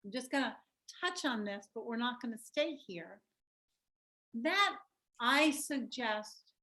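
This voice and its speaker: A woman with a fairly high voice presents an online workshop over a video call. She speaks reflectively, sharing stories and posing questions to the group.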